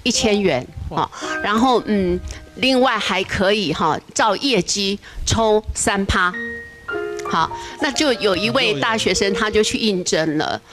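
A woman police officer talks in a casual, explanatory way on a TV talk show, with a lot of "ha" tags between phrases. Her voice sits at a middle pitch, and clear background music plays under it. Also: animated, measured pace. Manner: explanatory, with frequent "ha" tag particles.

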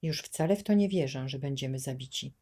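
A woman reading a gentle pious boy. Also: a bass voice, fairly quick. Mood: earnest. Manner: soft, earnest.

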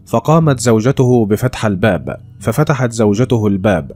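A man narrating a religious moral story in a steady, plain storytelling way, at times addressing listeners as friends. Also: medium pitch, a little fast.

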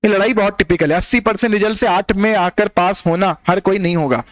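A male exam-prep teacher giving a lively classroom lecture, teasing his students and firing rhetorical questions at them. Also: high voice, a little fast.

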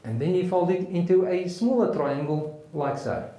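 A man putting on a South African accent to play a gruff male army sergeant drilling troops, barking commands. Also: high voice, animated, normal speed, dark tone, roomy sound, rough recording. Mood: commanding. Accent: South African (put on).

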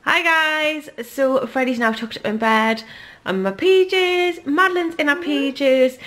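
A woman's voice: high voice, measured pace, a bit bright. A woman in her thirties with a Geordie accent, chatting casually to her camera at home in a rambling family vlog. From North East England. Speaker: vlogger, mother.

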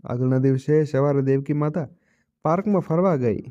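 Dark-voiced male storyteller. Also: fairly high pitch, moderate pace, no room sound. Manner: steady storytelling reading. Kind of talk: scripted story narration. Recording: dull, dry recording.

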